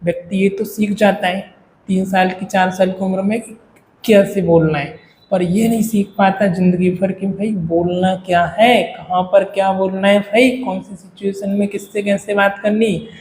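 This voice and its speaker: This lecture comes from a man whose high voice has a level, darkish tone and a moderate pace. He explains step by step in Hinglish, frequently saying "है ना" and checking in with the class. Slight background noise and faint ambience fill the echoey room.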